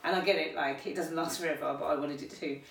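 A woman's voice: low-pitched, fast, gravelly, distant mic, over a noisy crowd. A woman chatting casually with friends and acting out what other people said. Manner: animated, acts out what others said. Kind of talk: casual chat among friends. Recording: roomy, from the mic.

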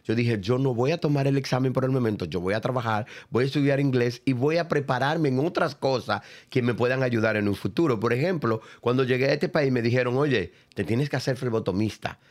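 A man speaks at a medium pitch as an interview guest. He is casual and anecdotal, acting out bits of quoted speech as he explains. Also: fairly quick, few pauses. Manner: acts out quoted advice, often interjects agreement.

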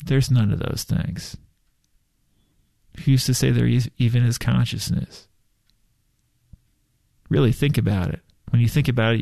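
A man's voice: medium pitch, vocal fry, a little mellow, dry recording. A man talking casually and bluntly about spirituality, repeating himself as he goes. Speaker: spiritual talk host.

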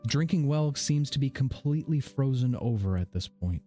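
A man narrating a tabletop fantasy game as game master, measured and descriptive with dramatic pauses. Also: mid-range voice, lively intonation, warm tone. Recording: background music under the voice.

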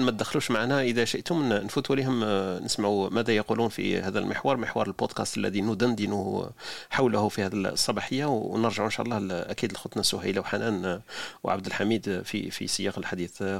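A man's voice: on the low side, rapid-fire, gravelly, dry recording. A man with an Algerian accent hosting a live audio room on a phone app, explaining and giving advice at length. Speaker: podcast host.

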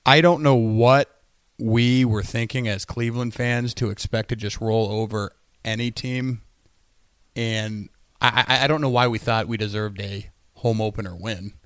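A man's voice: on the low side, steady tone, moderate pace, a bit bright, clear, resonant tone, dry recording. A man co-hosting a casual sports fan podcast, telling stories in a bantering, salty way. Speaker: podcast co-host.

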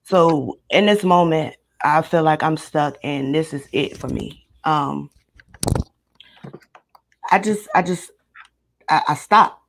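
A woman's voice: deep voice, measured pace, creaky. Young woman telling her story steadily. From Maryland, United States. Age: 20s. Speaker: guest. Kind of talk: recounting a personal story in a casual interview.

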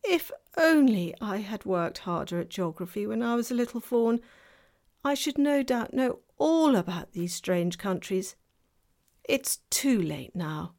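A woman's voice: a little high, sing-song, measured pace, pitched above the performer's own voice. A woman voicing a polite, fussy male faun who speaks formally and wistfully, for a storybook reading. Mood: courtly. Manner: courtly, formal and eager.

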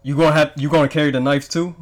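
A man's voice: on the high side, fairly even intonation, racing. A man leading a casual group debate, insistent and slangy. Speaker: discussion leader.

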